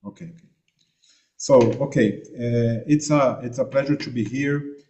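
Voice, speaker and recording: Remote speaker, male, from Argentina, halting delivery over a video call, mid-pitched. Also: steady tone, mellow. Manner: halting, many fillers and restarts.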